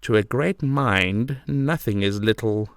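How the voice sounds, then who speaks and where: A man voicing Sherlock Holmes as a grave, calm, ironic detective in an audiobook. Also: on the low side, slow pace, no echo. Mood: dry. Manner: grave and dry. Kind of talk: audiobook character voice.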